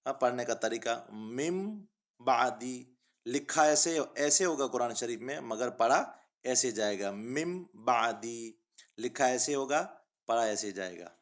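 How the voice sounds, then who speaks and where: A man teaching a Quran recitation lesson. He explains each rule briskly, then stretches out words in slow recitation for the student to repeat, and patiently calls the student 'child'. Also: medium pitch. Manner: patient, addresses student as child. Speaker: Arabic and Urdu teacher.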